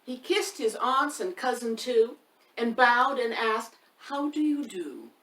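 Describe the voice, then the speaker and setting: Her voice is fairly high, a bit bright and animated, and she goes slowly as she talks directly to children and reads them a picture book with feeling. She is a children's author hosting storytime indoors next to a fireplace. The sound is spacious, captured by a distant microphone with soft background noise.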